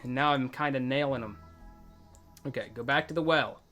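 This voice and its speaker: At a moderate pace and mid-range pitch, a man narrates a casual game playthrough as host, reading dialogue aloud. He mutters to himself, swears casually, and sounds pleased with his own progress, with soft music behind him.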